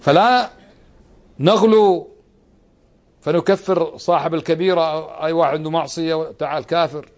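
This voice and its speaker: Man, middle-aged, religious lesson, high voice, rhetorical questions, emphatic repetition. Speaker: sheikh giving a religious lesson. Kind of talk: religious lesson explaining a text.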